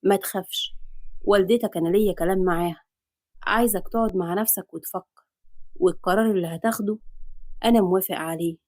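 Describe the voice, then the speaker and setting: A woman's voice: mid-range voice, quick pace, pauses often, a little mellow, no echo, pitched below the performer's own voice, close to an everyday voice. A woman with an Egyptian accent voicing a troubled aging father in a storybook reading, with a heavy, sorrowful delivery. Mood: grave. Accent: Egyptian Arabic.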